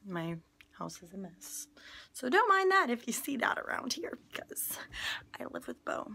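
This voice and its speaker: A young woman in casual vlog chat at home, talking into a phone held at arm's length, chatty and rushed, often dropping into a whisper. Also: on the high side, very animated, sharp tone, slightly rough. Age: young adult. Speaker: vlogger. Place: home bedroom, indoors.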